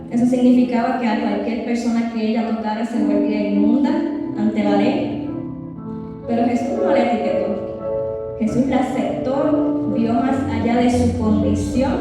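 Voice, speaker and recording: A woman with a Puerto Rican accent delivers a church testimony talk in a fairly high voice, leaning on emphatic words and slow, weighty pauses. She is heard from far off in a large, very echoey hall with a long reverb, and music plays behind her. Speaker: guest speaker.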